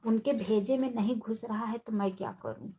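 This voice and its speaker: A woman hosting a casual live stream, chatting with viewers by name and speaking softly and slowly on a phone. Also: fairly high pitch, slight background noise, low-quality recording. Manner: talks softly and slowly, holding her voice down.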